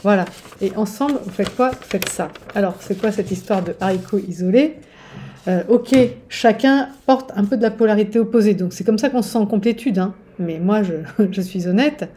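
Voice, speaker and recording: Woman coach talking straight to listeners, warm dark tone, mid pitch, loose and rambling. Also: normal speed. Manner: chatty, keeps checking in with "ok?"; digressive, with restarts. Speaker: spiritual relationship coach. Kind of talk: casual teaching monologue.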